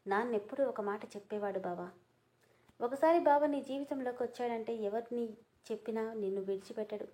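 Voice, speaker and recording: Woman reading a story, dark mellow voice. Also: fairly high pitch, fairly quick. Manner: reads all the dialogue in her own voice.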